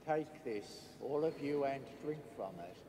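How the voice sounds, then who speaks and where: A man's voice: mid-range voice, animated, mellow. Man's liturgical prayer in cathedral echo. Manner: measured, solemn intoning. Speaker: priest. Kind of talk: reciting liturgical prayers at Mass. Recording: echoey church with long reverb, faint background noise.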